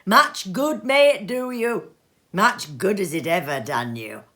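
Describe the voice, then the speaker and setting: A woman's voice: medium pitch, animated, a little slow, a bit bright. Woman putting on a scornful miserly old man. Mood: stern. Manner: growling, scornful outbursts. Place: cozy sitting room at home.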